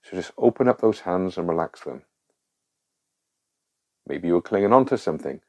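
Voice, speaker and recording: Deep-voiced man calmly guiding a grounding exercise. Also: normal speed. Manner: calm, reassuring, instructing. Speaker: guide of a panic relief exercise.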